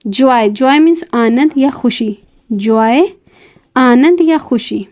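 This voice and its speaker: A woman with a high, slightly mellow voice takes it slowly while teaching English vocabulary. She spells each word letter by letter, repeats its meaning, and slips in brief fillers and checks between words.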